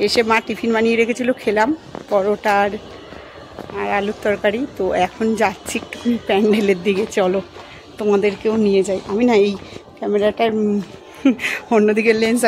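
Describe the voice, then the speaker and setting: A woman's voice: mid-range voice, darkish tone. A young woman chatting casually to her viewers as she walks outdoors, filming a vlog on a handheld camera. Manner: chatty, talking to viewers while walking. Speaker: vlogger. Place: outdoors in a neighbourhood during a festival. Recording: noisy outdoor street recording. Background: street ambience with vehicles.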